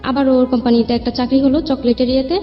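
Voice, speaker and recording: A woman with a high voice speaks fast, with little pitch movement. She is a young woman with a Bangladeshi accent telling her life story in an interview in a colloquial, rambling way, over background music on muffled lo-fi audio.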